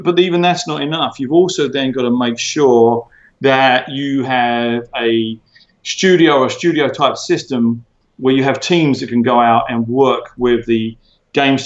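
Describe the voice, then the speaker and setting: A man being interviewed, explaining at length in a measured way with frequent fillers and restarts. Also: medium pitch. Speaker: interview guest, former tech executive. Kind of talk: conversational interview. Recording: roomy, dull lo-fi sound.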